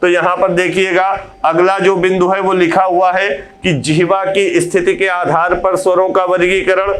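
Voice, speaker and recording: A man's voice: high-pitched, flat delivery, fairly bright tone. A man teaching an exam-prep video lecture, explaining step by step, asking his own questions and then answering them. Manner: slows down and stretches words to show pronunciation.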